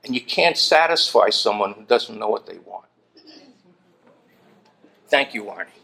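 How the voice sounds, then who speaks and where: A man giving a short, wry memorial tribute in a measured way. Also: lowish voice, expressive, gravelly, bright, forceful tone. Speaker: memorial speaker.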